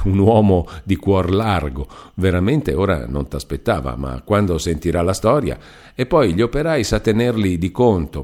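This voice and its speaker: A man voicing a warm-hearted, talkative male cousin, a foreman at a mill, in an audiobook reading. He talks in a chatty, rambling, good-natured way. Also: deep voice. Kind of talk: audiobook character voice.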